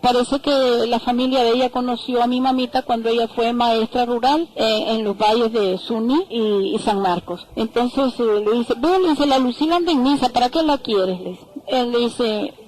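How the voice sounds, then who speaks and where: A woman's voice: on the high side, normal speed, few pauses, darkish tone, low-quality recording. An older woman recounting family memories in an interview, acting out the quoted voices and adding frequent tag phrases. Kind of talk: oral history storytelling.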